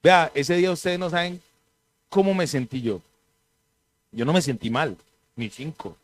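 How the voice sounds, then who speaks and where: Male preacher, slightly high voice, animated storyteller, occasional throat clearing. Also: moderate pace. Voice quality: clears throat now and then. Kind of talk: sermon.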